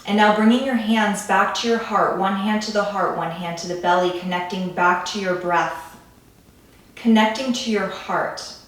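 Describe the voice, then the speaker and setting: A woman leading a calm grounding meditation in a gentle, soothing way, with pauses between phrases. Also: medium pitch. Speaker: meditation guide. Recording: echoey room, distant from the mic.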